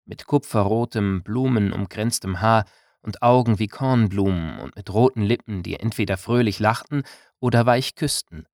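A man narrating a German-language novel as an audiobook in a calm, measured way. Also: fairly low pitch, dry recording, studio quality.

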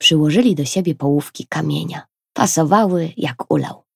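A woman reading a children's story aloud in an expressive, gentle way. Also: sits low, moderate pace, gravelly, husky, no echo, studio quality.

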